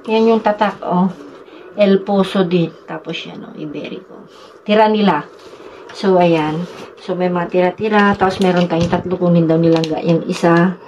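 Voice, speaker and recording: A woman's voice: on the low side, fairly even intonation, moderate pace, darkish tone, muffled recording, slight background noise. A woman from the Philippines, chatting casually to her viewers outdoors on a city street. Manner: chatty, keeps addressing viewers. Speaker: vlogger. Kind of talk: casual vlog chat to viewers.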